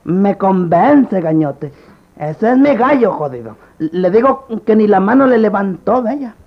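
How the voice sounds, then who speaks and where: A man plays a bungling, cocky country barber with a high, gravelly, pinched voice. He has a Central American accent and blusters his way through slapstick comedy on slightly muffled audio. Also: sing-song, unhurried, full character voice. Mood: blustering. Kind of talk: slapstick comedy sketch acting.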